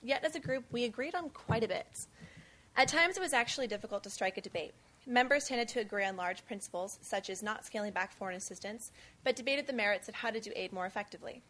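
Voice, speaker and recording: Young woman, measured scripted delivery, introduces a panel on stage, voice pitched a bit high. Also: a bit bright. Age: 20s. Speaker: event speaker introducing a panel. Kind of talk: formal prepared remarks. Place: conference event on stage.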